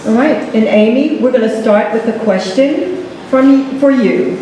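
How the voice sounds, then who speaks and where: A woman moderating a community panel discussion, introducing speakers in a brisk, upbeat way. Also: a little high, noisy background. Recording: echoey hall, room mic.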